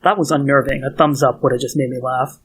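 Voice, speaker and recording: A man's voice: medium pitch, steady tone, fast talker, fairly bright tone, a little hiss or hum. A young man giving casual, joking gameplay commentary from home, sarcastic and swearing freely. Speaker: let's play gamer. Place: at home in a hot room.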